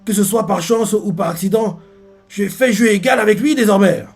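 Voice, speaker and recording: A man voicing a bitter, boastful adult male clown pirate with a high, indignant, shouted delivery. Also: normal speed, slightly rough, soft background music.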